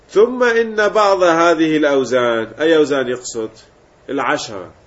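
A man's voice: medium pitch, highs cut off. A man teaching a grammar lesson, explaining step by step and repeating word forms aloud. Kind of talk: classroom lesson.

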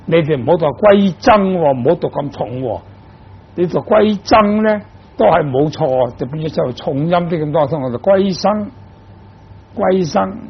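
A man's voice: a little high, gravelly, muffled recording, a little hiss or hum. An older man from Guangdong, a Buddhist monk giving a sermon, explaining patiently and posing rhetorical questions to his listeners. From Guangdong, China. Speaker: Buddhist monk teaching dharma.

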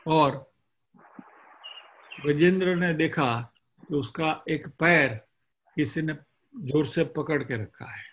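A man giving a spiritual discourse, retelling a scripture story slowly and deliberately, with pauses between phrases. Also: on the high side, fairly bright tone, a little hiss or hum. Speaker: spiritual teacher.

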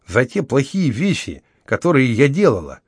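A man's voice: mid-range voice, sing-song, moderate pace, husky, dry recording, pitched above the performer's own voice. A young battered woman with a thick lisp from her missing front teeth, as a male narrator puts her on, speaking bitterly and bluntly. Her voice sits well above the reader's own. The reading is close and dry, with no room sound. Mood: earnest blunt.

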